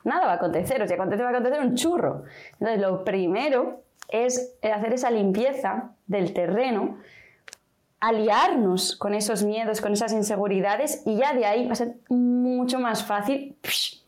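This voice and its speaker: A woman in a conversational interview, speaking as a vocational mentor. Her voice sits a little high, and she talks expressively, slipping into the inner voices she describes as lively little dialogues. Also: moderate pace.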